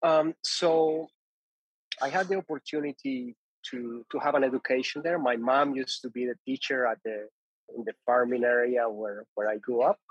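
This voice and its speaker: A man from Colombia, English not his first language, talks through his background as a guest in an interview. His voice is husky, with a dry, somewhat dull sound and no room around it. He circles back, repeats words and restarts sentences as he goes. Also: medium pitch, moderate pace, no room sound. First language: Spanish. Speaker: guest, coffee importer. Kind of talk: conversational interview.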